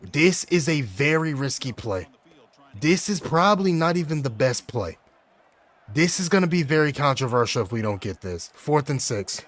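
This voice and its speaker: A young man giving live commentary over his own football video game, talking to himself and bursting into yells on big plays. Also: medium pitch, big pitch swings, moderate pace. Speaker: gaming YouTuber.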